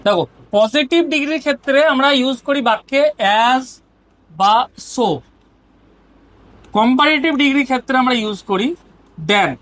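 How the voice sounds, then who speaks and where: A woman's voice: high-pitched, normal speed, pauses often, a bit bright. A woman teacher with a Bengali accent explaining grammar step by step and often checking that her students are following. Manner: explains step by step, often asks "ঠিক আছে?".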